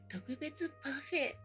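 A woman's voice: sits high, sharp tone. A woman performing an adult roleplay as a maid, speaking in polite maid phrasing with a mocking, teasing manner and frequent giggles.

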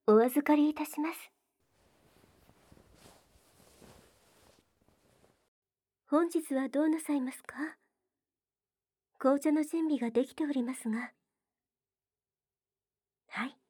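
A woman voicing a gentle, devoted young maid in an ASMR roleplay, speaking softly and very formally, often in a whisper. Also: high-pitched, a little slow, pauses often. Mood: welcoming. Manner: soft-spoken, very formal polite speech, often whispered.

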